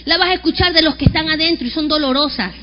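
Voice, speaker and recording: A woman pastor preaching an animated sermon, calling on the congregation to repeat after her. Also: high voice, quick pace, in a large hall, highs cut off. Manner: animated preaching with call-and-response. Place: church sanctuary.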